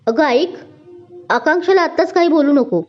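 A woman's voice: high voice, lively intonation, moderate pace, soft background music, voice pushed up. A woman voicing a teasing, playful young husband in a spoken story, talking with affection. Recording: dull lo-fi recording.

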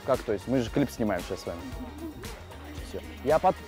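A man's voice: mid-range voice, a little fast, music in the background. A man in his twenties hosting a travel show outdoors, talking in a casual, spontaneous and chatty way. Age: 20s. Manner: animated, chatty. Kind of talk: casual, spontaneous on-location presenting. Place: outdoors on location.

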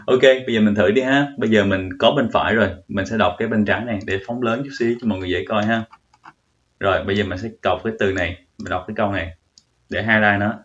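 A man's voice: fairly low pitch, fairly even intonation, fast talker, fairly bright tone. A young man giving a casual pronunciation tutorial in a chatty way, repeating words as he tests himself. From Vietnam. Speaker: vlogger. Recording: dull lo-fi audio.

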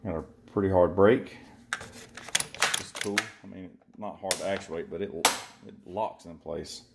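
At his indoor workbench, a vlogger from the southern United States unboxes and looks over a chainsaw for his viewers, chatting in a rambling, folksy way while filming on a handheld phone. His voice is low, steady, gravelly and a little slow, and the recording is very noisy.

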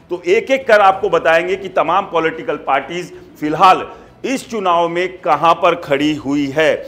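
A man in his thirties delivers political news commentary standing in a studio, talking to camera in an animated way and gesturing as he goes. His voice sits high for a man, and it comes through a lapel mic. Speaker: news editor and presenter. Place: studio in front of a large screen.

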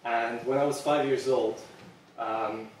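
In a very echoey meeting-room recording from a far camera, with slight background noise, a man in his thirties from Serbia speaks slowly in a steady, medium-pitched voice. He's a product designer earnestly presenting to a small audience, hesitating often with ums.

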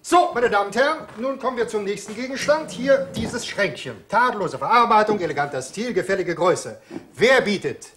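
A brisk auctioneer who coaxes the room with a sing-song patter. His voice sits high and swings widely as he rattles off prices and talks up the goods. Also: expressive, fairly bright tone, a little hiss or hum. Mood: coaxing, salesmanlike. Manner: sing-song calling of bids, coaxing. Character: brisk male auctioneer selling old furniture.

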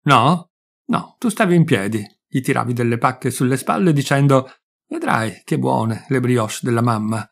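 Fond older mother reminiscing with her son, read by a man in a gravelly voice; storybook reading. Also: medium pitch, animated, moderate pace. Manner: gentle, reminiscing, affectionate. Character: elderly woman, a fond talkative mother.

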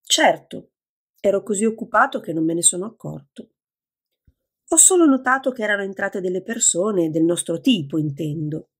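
A woman with a gravelly, husky voice voicing a friendly, amused young man in an audiobook. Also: mid-range voice, animated, normal speed. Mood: cheerful. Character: cheerful young man, red-haired reader.

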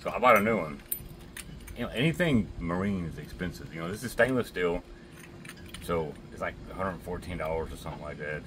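A middle-aged man, the boat's captain, explaining a repair in a relaxed, plain-spoken way, recorded outdoors on a docked boat. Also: low voice, a little fast, a little hiss or hum. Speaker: boat captain, vlog co-host. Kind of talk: casual how-to vlog.

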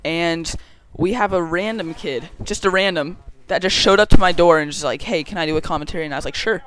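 A teenage boy hosting a casual gameplay commentary at home, excitable and giggly, rambling with fillers. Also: sits high, fairly quick, a little hiss or hum. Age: teens. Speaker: channel host.

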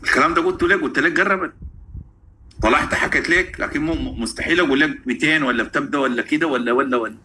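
A man with a Sudanese Arabic accent giving a fervent, celebratory monologue, repeating phrases, taunting and at times shouting. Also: fairly high pitch, racing, slight background noise. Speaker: political commentator.

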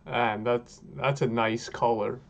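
A man's voice: mid-range voice, slow, creaky, slight background noise. A man in his thirties from Hawaii, hosting a casual reaction video from a room at home, talking at a webcam with lots of fillers. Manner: chatty, filler-heavy, excitable. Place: home room with sneaker shelves.

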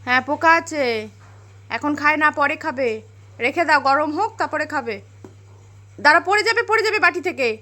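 A woman, a mother, talking to her small child in a home vlog, gently coaxing and mildly scolding. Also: high voice, animated, normal speed, long pauses.

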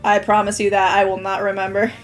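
A woman's voice: mid-range voice, completely flat delivery, fast talker, faint music behind. A young woman streaming a game, chatting casually with her viewers, laughing often and swearing freely. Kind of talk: casual gaming commentary.

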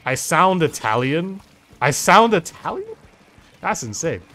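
While gaming on a live stream, a man from England fields viewer questions in a relaxed way, frequently addressing them as "dude." He sounds a little high and sing-song, somewhat slow, with a pushed, bright quality.

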